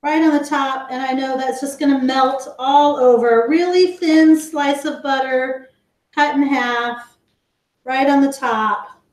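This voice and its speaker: A woman's voice: sits high, fairly even intonation, roomy sound. A woman teaching a live online cooking class for kids, chatting with her viewers as she explains each step. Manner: chatty, slow and explanatory, talks to viewers as guys. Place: home kitchen.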